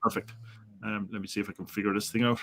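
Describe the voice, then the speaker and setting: A man's voice: on the low side, flat delivery, fast talker. A man hosting a casual live-streamed interview, friendly and hesitant, with many ums. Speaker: podcast host.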